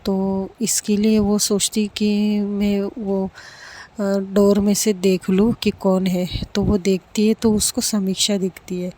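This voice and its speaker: Brief: woman storyteller, casual repetitive narration, warm mellow tone. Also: medium pitch, level tone, a little slow. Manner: repetitive, with frequent 'to' fillers.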